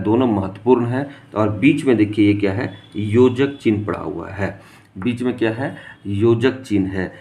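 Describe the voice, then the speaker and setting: A man's voice: medium pitch, a little mellow. A man teaching an exam-prep grammar lesson. He keeps asking rhetorical questions, answers them himself and repeats the key terms.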